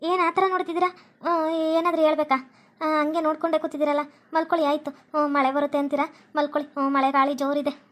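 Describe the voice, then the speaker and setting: A bashful young wife in a cartoon, blushing and pleading, voiced by a woman. She has a high, steady voice and talks quickly, with a North Karnataka Kannada accent. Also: natural voice. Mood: shy. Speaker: channel narrator. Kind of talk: cartoon voice acting and narration.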